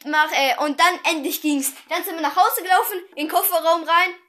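A teenage girl chatting casually and telling a rambling, animated story as a vlogger. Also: very high voice, fairly quick.

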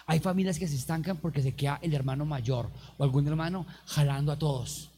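A man preaching an energetic sermon, acting out quotes and calling on the congregation to respond. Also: on the high side, fairly quick, slight background noise. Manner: animated preaching with acted-out quotes and calls to the congregation. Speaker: youth pastor.

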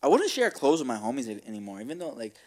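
A man's voice: mid-range voice, sing-song, fast. A young man co-hosting a podcast, talking in casual, slangy, profane banter. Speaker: podcast co-host. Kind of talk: casual chat.

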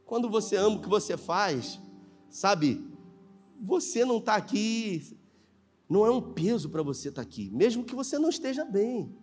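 Man, Brazilian accent, pastor, animated sermon delivery, acts out voices, fairly high voice. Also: normal speed, faint music behind. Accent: Brazilian Portuguese. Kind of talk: live sermon. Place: church sanctuary.

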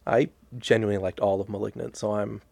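A man's voice: lowish voice, level tone, fast, vocal fry, warm tone, no room sound. A man co-hosting a podcast in casual chat, making dry, wry jokes. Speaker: podcast co-host.

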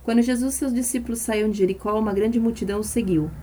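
A woman's voice: fairly high pitch, steady tone, fast talker, warm tone, slight background noise. A woman preaching a sermon on a live stream, impassioned and emphatic, repeating phrases for stress.

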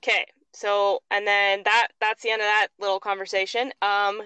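A woman's voice: mid-range voice, little pitch movement, normal speed, pushed and bright, smooth, no echo, poor audio. A young woman from Alberta, Canada co-hosting a podcast, casually reading out online comments with amusement. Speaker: podcast co-host.

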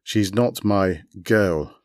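A man reading a story, voicing a gruff, blunt young man who growls his lines. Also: fairly low pitch, fast talker, no echo, studio quality, close to an everyday voice.

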